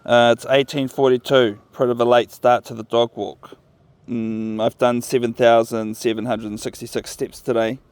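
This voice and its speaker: Male vlogger, New Zealand accent, mid-pitched, casual and musing, thinks aloud in an unhurried ramble. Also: flat delivery, darkish tone, clean tone, no echo. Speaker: vlogger walking his dog. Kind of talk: casual rambling vlog narration. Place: outdoors, walking along a path. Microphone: phone recording while walking.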